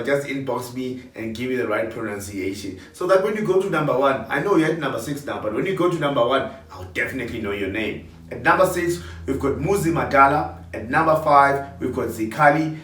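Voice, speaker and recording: A man's voice: mid-range voice, a bit bright. A man presenting award nominees in a countdown with an upbeat, hype-style pep talk. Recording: roomy, distant mic.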